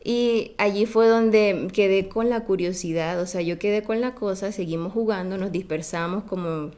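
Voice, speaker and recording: A woman's voice: medium pitch, normal speed. Woman telling a spooky childhood story. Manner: animated, acts out quoted voices of children. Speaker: guest storyteller. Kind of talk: casual storytelling on a podcast.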